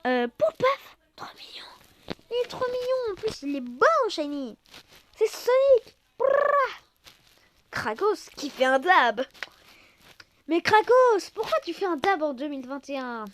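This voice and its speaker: A woman hosting a card-collecting channel, reviewing a new set in casual commentary, exclamatory, playful and self-mocking, sometimes loud and then dropping to soft asides. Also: extremely high pitch, big pitch swings, unhurried, slight background noise.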